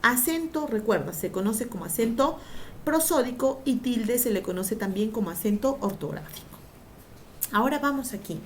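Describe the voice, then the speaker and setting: A woman's voice: on the high side, lively intonation, moderate pace, a little hiss or hum. A woman teacher giving a grammar lesson, drawing out syllables for emphasis and asking the class questions before answering them herself.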